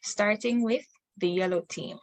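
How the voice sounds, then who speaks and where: A young woman hosts a student quiz show, reading each question aloud in a formal, scripted way. Her voice sits in a middle pitch. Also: measured pace, poor audio. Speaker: quiz host.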